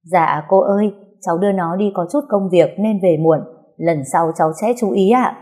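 A brash young woman friend, voiced by a woman reader, who scolds and teases without holding back. Her speech sits a little low, with a dark, mellow tone, and comes across like a bossy storybook sidekick. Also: normal speed, close to an everyday voice. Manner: scolding, blunt, teasing.

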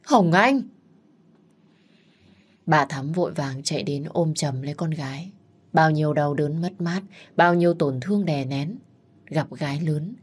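A woman narrating a sad family story in a slow, sorrowful way. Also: sits low, darkish tone, husky.

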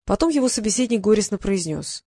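A woman's voice: mid-range voice, expressive, quick pace, mellow, no room sound. Woman narrating a story, dry close sound. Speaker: audiobook narrator. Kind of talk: scripted narration.

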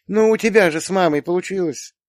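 A sassy teenage girl, as a male reader puts her on, bossy and teasing, firing off quick retorts in an audiobook. Her voice sits high and bounces around lively. The recording is dry and close. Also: dry recording. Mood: musing. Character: teenage girl, sharp-tongued teasing daughter. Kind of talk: audiobook character voice.

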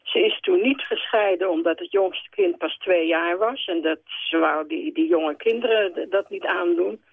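A woman's voice: lowish voice, normal speed, vocal fry, husky, dry recording. An older woman calling in to a radio show, talking hesitantly with many fillers. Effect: radio show caller on a phone line. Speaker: caller. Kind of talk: call-in radio question. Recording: tinny phone line.

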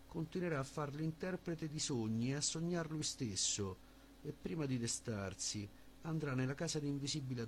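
A man reading the lines of Socrates, an older male philosopher who questions patiently, in a measured and deliberate way. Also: medium pitch, a little hiss or hum, natural voice.

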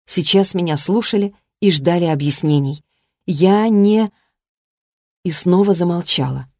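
A woman narrating a first-person romance novel in a measured, expressive reading. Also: on the low side, no room sound, clean studio sound. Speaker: audiobook narrator.

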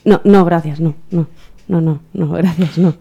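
A woman's voice: on the low side, steady tone, unhurried, creaky, mellow, slightly rough, muffled recording. A woman hosting a casual community radio chat, teasing her guests. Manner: teasing, laughs often. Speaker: radio host. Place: radio studio.

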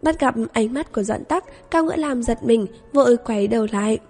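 A woman narrates a novel in a steady, even storytelling voice. Her voice is fairly high with a dark, gravelly tone. A long reverb and faint background music surround her. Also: normal speed. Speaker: audiobook narrator. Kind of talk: scripted narration.

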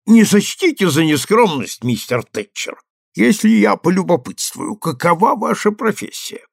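A man's voice: sits high, sing-song, moderate pace, gravelly, dry recording, clean studio sound, pitched above the performer's own voice, heavily acted. A man playing a timid young clerk. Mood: polite. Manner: timid, gentle, soothing. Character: timid young male clerk, new father.

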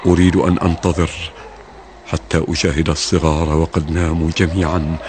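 An actor playing a humble, gentle caliph who speaks softly and gravely in a radio drama. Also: male voice, extremely low pitch, level tone. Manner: soft-spoken, measured, grave. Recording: noisy old radio recording.

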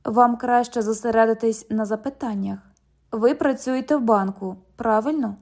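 Young male cop, formal and patient, warm, fairly high voice; read by a woman narrator. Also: steady tone, normal speed. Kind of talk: audiobook dialogue reading.

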